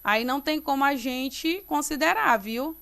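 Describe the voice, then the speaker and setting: A Brazilian Portuguese-speaking woman teaching an online class, explaining step by step and sounding out syllables slowly. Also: high-pitched, lively intonation, vocal fry, fairly bright tone. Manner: slow, explains step by step, syllabifies words aloud. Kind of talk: recorded online class lesson. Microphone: computer mic while writing with mouse.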